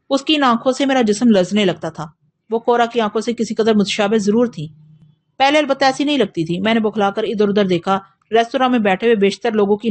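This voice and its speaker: A woman narrating a novel as an audiobook, in steady, measured storytelling. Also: mid-range voice, no echo.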